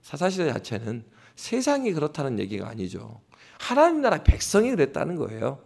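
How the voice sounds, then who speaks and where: Male pastor, pitched a little high, lively delivery, mimics scoffers mid-sermon. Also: fairly quick, gravelly, breathy edge. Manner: animated preaching, acts out scoffing voices. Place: church sanctuary.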